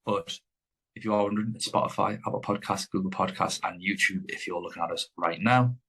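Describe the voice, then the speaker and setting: Man, casual podcast co-host, lowish voice, rambling, self-correcting. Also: brisk, creaky, a bit bright, breathy edge. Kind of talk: casual chat.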